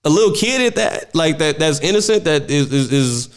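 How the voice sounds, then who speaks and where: A man's voice: fairly high pitch, moderate pace, clear, resonant tone. A young man, a radio DJ, casually telling a story on a podcast with a lot of swearing. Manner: animated, profane, acts out voices in his stories. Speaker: radio DJ and guest.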